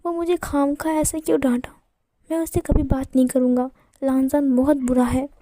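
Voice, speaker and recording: A woman's voice: high voice, flat delivery, normal speed, dark tone, no echo, lightly acted. A woman voicing a petulant, mischievous young man who pouts and accuses, in a read-aloud story. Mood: sulky. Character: sulky mischievous young man, hot-tempered.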